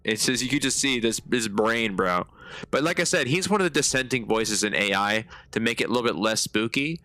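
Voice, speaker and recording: A man's voice: mid-range voice, a little fast. Slangy man chatting over a game. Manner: casual slangy chat, animated storytelling. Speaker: streamer. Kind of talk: live gameplay commentary.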